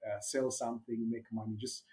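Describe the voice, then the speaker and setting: A man's voice: mid-range voice, flat delivery, fairly quick, mellow, poor audio. A Kenyan man in his thirties, a tech founder telling his story as a guest in a casual interview, with a laugh now and then.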